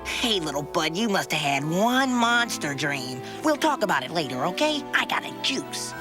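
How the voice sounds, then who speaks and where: Cartoon hero: a breezy teen daredevil with a lively, bouncy pitch, music behind. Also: male voice, moderate pace. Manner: breezy, slangy. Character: cocky teen male hero, laid-back.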